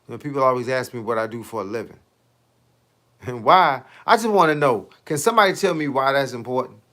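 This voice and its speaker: A fitness coach in his late fifties chats casually on his livestream, his medium-pitched voice bright and forceful, a little fast, with lively intonation. Slangy and talkative, he answers viewers' comments with rhetorical questions.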